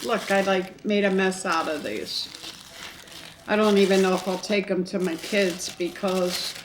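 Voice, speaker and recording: Slow-talking woman chatting while eating. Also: mid-range voice, steady tone, background noise. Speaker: host of an eating show. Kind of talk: casual mukbang chat to viewers.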